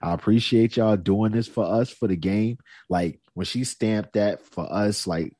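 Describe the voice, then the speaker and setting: A man's voice: on the low side, a little slow, dark tone, no echo, clean studio sound. A young man co-hosting a casual podcast, laid-back but emphatic, often repeating himself. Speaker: podcast co-host.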